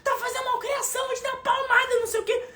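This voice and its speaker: A man's voice: very high voice, level tone, fast, reverberant, background noise, voice pushed up. A man voicing a frantic, furious mother who screeches and curses while scolding her child. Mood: shrill scolding.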